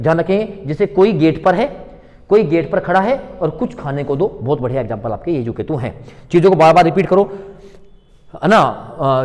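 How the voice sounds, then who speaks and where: A man with a fairly high, slightly mellow voice teaches a grammar lesson in a casual, instructive way, addressing students familiarly. He repeats key points, poses questions he answers himself, and works through examples. His voice carries a long, hall-like reverb.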